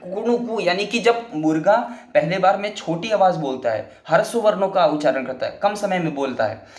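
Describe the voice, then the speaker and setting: A man's voice: sits high, lively intonation, fairly quick, echoey room. A man teaching a Sanskrit lesson, patiently explaining and restating each point several times.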